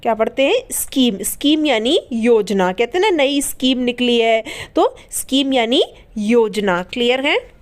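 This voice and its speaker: A woman's voice: on the high side, expressive, measured pace. A woman teaching English vocabulary. She spells out each word letter by letter, repeats it and asks quiz questions as she explains its meaning. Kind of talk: slow spelling-and-meaning lesson.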